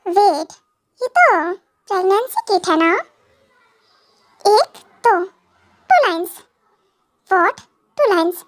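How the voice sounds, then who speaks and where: A woman's voice: very high voice, lively intonation, slow pace, long pauses, no echo, studio quality, exaggerated voice. A woman voicing a playful, teasing young husband in a fan audio drama, joking and calling his wife baby. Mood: puzzled.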